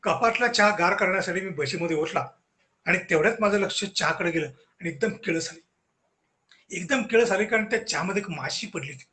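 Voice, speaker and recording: A man giving a humorous storytelling lecture at a lecture series, animated and acting out the dialogue. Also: high voice, fairly quick. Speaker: guest speaker at a lecture series.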